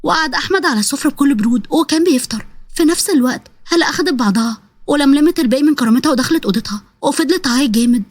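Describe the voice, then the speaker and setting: A woman's voice: high voice, animated, rapid-fire, no room sound. A woman with an Egyptian accent narrating a dramatic story. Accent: Egyptian Arabic.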